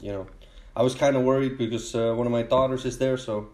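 A middle-aged Icelandic man with an Icelandic accent, chatting casually as a guest with a relaxed, hesitant manner full of fillers. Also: mid-range voice, fast talker. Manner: relaxed, hesitant, many "uh"s and "you know"s. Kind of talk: casual chat. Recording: echoey room.

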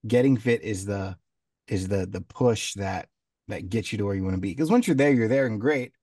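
A man's voice: lowish voice, normal speed, darkish tone, no room sound. A man in his thirties talking casually and with energy, repeating words for emphasis. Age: 30s. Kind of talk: casual chat. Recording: dry, a bit far from the mic.

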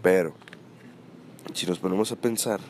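Man, Mexican accent, casual storytelling, slangy and animated, somewhat low voice. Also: normal speed, a little hiss or hum. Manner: slangy and animated, often swearing, peppered with "güey". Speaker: podcast co-host telling a story.

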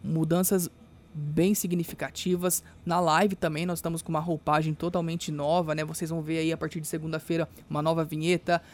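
Male Brazilian radio news presenter, conversational, upper-register, very even intonation. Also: a little high, a little fast. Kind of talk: casual on-air chat.

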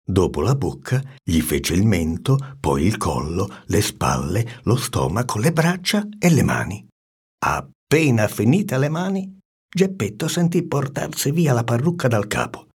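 A man reading a storybook aloud with an expressive, swinging delivery and hushed asides. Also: medium pitch, unhurried, husky.

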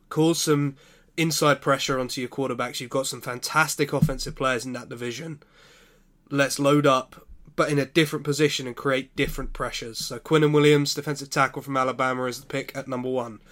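A man's voice: medium pitch, sharp tone. A man on a sports podcast giving draft commentary, announcing picks in top ten countdown fashion and arguing his case. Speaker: podcast panelist. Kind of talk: American football draft commentary.

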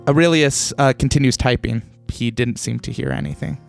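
A man's voice: medium pitch, fairly even intonation, a little fast, vocal fry. A man acting as game master, narrating a tabletop role-playing scene. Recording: background music under the voice.

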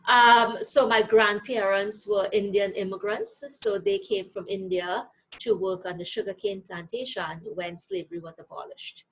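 A woman's voice: medium pitch, fairly even intonation, moderate pace, hardly any pauses, fairly bright tone, poor audio. A woman from Trinidad and Tobago with a Trinidadian accent, a podcast guest talking reflectively about her family history and her work. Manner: thoughtful, reflective storytelling. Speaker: guest, financial literacy and credit counselor. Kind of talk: interview conversation.

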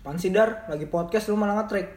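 A man's voice: high voice, fast, reverberant. A young man, co-hosting a podcast in teasing, laughing, casual banter. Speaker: podcast co-host.

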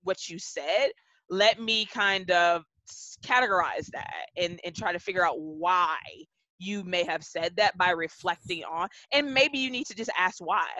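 A woman guest on a podcast, telling a story from her work in a measured, reflective way and slowing down to stress her points. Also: on the low side, bright, forceful tone, no echo. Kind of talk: conversational interview storytelling. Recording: dull, dry lo-fi podcast audio.

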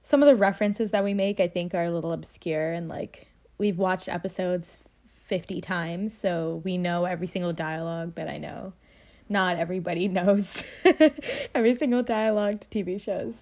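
A woman's voice: on the low side, moderate pace, vocal fry, darkish tone. Chatty young woman co-hosting a podcast. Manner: chatty, laughs often, many fillers. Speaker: podcast co-host. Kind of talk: casual chat.

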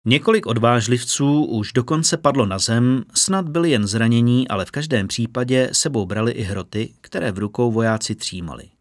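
A man narrating a fantasy story in a steady, measured audiobook reading. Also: medium pitch, no room sound, studio quality.

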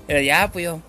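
Bright-voiced man with a Mexican accent. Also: a little high, a little hiss or hum. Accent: Mexican Spanish, northern. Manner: animated, laughs often, acts out voices. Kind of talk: comedic storytelling, heavy slang.

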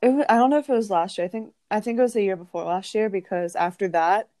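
A young woman co-hosting a podcast, telling a rambling, animated family story with frequent restarts and laughs. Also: medium pitch, fast talker, dry recording, studio quality. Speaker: podcast co-host. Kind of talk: casual chat, storytelling.

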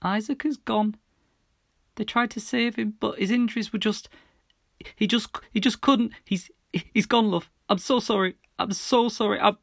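A man voicing a gentle middle-aged mother, speaking softly and trembling as she breaks bad news. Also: high-pitched, a little slow, no echo, clean studio sound, pitched above the performer's own voice. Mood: sobbing. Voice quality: soft, trembling, breaking with sobs.

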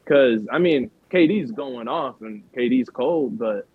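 Husky young man on a thin phone-like line. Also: mid-range voice, lively intonation, slow. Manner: slangy, hesitant hedging while reasoning aloud. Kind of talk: casual sports commentary among friends.

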